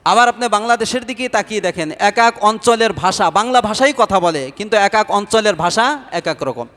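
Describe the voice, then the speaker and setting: A man with a high voice preaches a sermon, and the sound rings with the long reverb of a large hall. He keeps putting questions to his listeners and then answering them himself. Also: expressive, fairly quick, a bit bright. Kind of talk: Islamic sermon.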